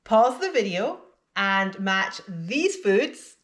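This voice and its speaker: A woman who is a native English speaker, giving a scripted vocabulary lesson with clear, deliberate teaching and repeat-after-me drills. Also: mid-range voice, sing-song, a bit bright.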